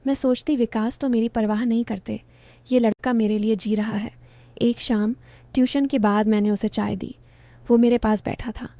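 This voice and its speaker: A woman storyteller giving a scripted first-person narration in an even, soft-spoken manner. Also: on the high side, normal speed, dry recording.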